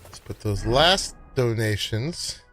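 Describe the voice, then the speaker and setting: A man's voice: medium pitch, animated, slow pace, a bit bright, faint music behind. A man giving casual, chatty gameplay commentary, musing aloud as he plays. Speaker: gamer commenting on own play.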